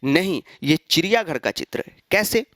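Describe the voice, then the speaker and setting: A man's voice: fairly high pitch, animated, normal speed, a bit bright, no echo, clean studio sound. A man teaching an exam-prep lesson, explaining step by step and answering his own questions. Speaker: Sanskrit teacher.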